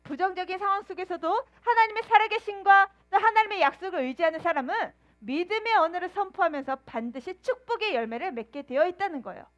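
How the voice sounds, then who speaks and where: Very high, lively woman preacher telling a story to children and quizzing them. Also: quick pace, hardly any pauses, highs cut off. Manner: animated storytelling, acting out quoted voices; asks the children questions. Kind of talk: children's sermon.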